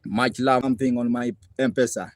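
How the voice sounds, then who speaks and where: Speaking with a Kenyan accent, a man running a live music stream pours out thanks to his supporters, saying the same things again and again. His medium-pitched voice keeps a fairly even intonation at a moderate pace, with no room sound, though a plucked traditional instrument and rattle play loudly in the background.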